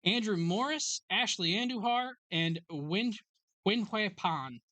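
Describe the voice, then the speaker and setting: A card break host in a sports card shop, briskly calling out card names and serial numbers as packs are opened. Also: mid-range voice, animated, pushed and bright, no room sound. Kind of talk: live card break commentary.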